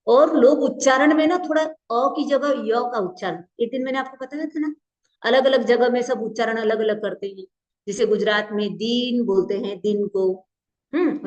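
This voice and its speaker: A woman's voice: fairly high pitch, a little mellow, dull audio. Patient woman teaching a language class. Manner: explains patiently, often checks with "ठीक है?". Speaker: Prakrit teacher. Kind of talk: online class lecture.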